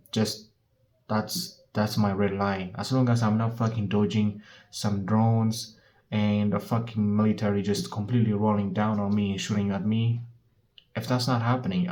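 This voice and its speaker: Mellow and on the low side, this young man of nineteen vlogs straight into his handheld phone, blunt and profane, often starting sentences over.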